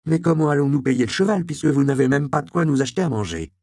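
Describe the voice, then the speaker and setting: A nervous young apprentice in an audiobook, his voice pitched up high and tight with worry, as a male narrator plays him. His questions come quick and pleading, recorded dry and close. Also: animated, creaky, darkish tone, no echo. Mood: anxious.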